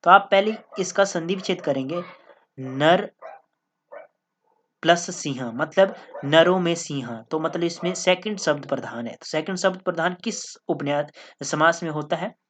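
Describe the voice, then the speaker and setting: A woman's voice: sits low, normal speed, a bit bright, a little hiss or hum. A woman teaching an exam-prep grammar lesson, explaining step by step and often checking in with her listeners. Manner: explanatory, repeats "ठीक है" and "दोस्तों".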